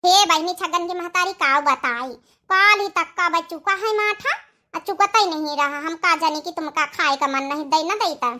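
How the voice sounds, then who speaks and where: A woman actor uses an extremely high, bright cartoon voice for a young married village woman with an Awadhi accent. Chatty, talkative and caring, she draws out her rustic phrases at a moderate pace, like a fussing daughter in a comedy.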